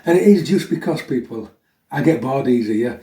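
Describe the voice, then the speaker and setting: A middle-aged fitness vlogger chats casually and bluntly to viewers while introducing a workout, often ending sentences with "yeah?". Getting over a chest infection, he sounds slightly chesty, his voice medium-pitched, animated, a little fast, and dark, recorded in an echoey room with the mic at a distance.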